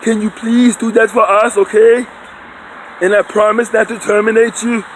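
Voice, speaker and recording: A man putting on an overly polite action hero, speaking with exaggerated mock-formal courtesy, a bit higher and louder than his usual voice. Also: flat delivery, moderate pace, slight background noise, close to an everyday voice, low-quality recording.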